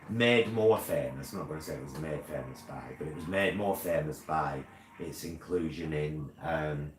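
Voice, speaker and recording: A man's voice: a bass voice, normal speed. A British man chatting casually as host of a live stream, in the campy, theatrical, endearing manner of a drag queen. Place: indoor room, live make-up stream. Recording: roomy echo, clear background noise.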